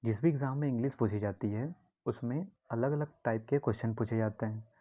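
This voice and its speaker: Teaching vocabulary in classroom fashion, a man repeats the key words and answers questions he raises himself. He is an English teacher with a warm, medium-pitched voice, heard through a muffled recording.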